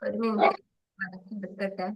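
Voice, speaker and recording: A woman's voice: medium pitch, flat delivery, normal speed, creaky, echoey room, highs cut off. A woman from Kerala teaching a kindergarten maths class online, patiently coaxing and repeating questions for the children.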